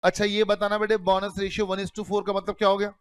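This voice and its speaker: High-voiced man teaching a class. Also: monotone, moderate pace, a bit bright, clean tone, no echo. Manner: calls students "beta", asks and answers his own questions. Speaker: accounting teacher. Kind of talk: classroom lecture.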